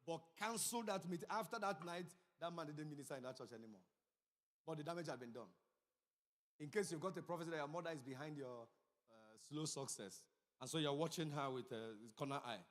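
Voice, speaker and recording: A middle-aged man preaching a sermon as pastor, telling stories and swinging from low asides to loud emphasis. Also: fairly quick. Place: church sanctuary. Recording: church hall reverb.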